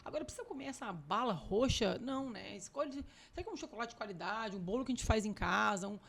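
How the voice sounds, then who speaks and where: A woman cardiologist talking as a podcast guest, animated and emphatic, often acting out conversations with her children. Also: mid-range voice, gravelly. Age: adult with young children. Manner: animated, acts out family dialogue; quick, emphatic explaining. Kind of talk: podcast interview talk.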